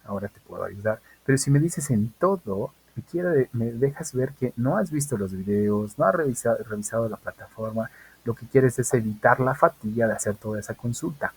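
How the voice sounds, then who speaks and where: Male tutor, husky voice, mid pitch, repetitive patient drilling, recorded video lesson. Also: poor audio. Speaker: online high school tutor.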